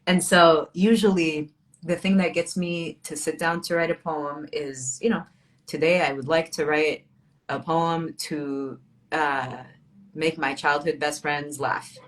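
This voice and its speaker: A woman with a low voice, bilingual in Arabic and English, appears as a guest poet in a casual literary conversation. She speaks at a measured pace in a steady tone, reflective and informal with a dry wit.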